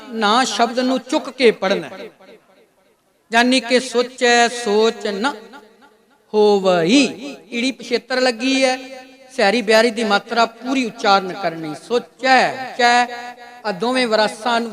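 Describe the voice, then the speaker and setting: A man preaching a Sikh religious discourse, slowing into a chanting cadence for verses. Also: extremely high pitch, fairly bright tone. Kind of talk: religious discourse with recited scripture. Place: Sikh gathering before a congregation. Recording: live gathering with crowd noise.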